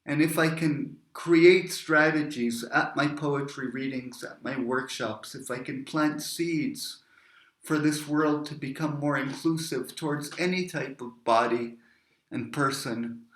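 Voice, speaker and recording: A man's voice: fairly high pitch, unhurried, fairly bright tone. A man poet giving a reflective storytelling talk, drifting into tangents. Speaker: poet and speaker. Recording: roomy echo.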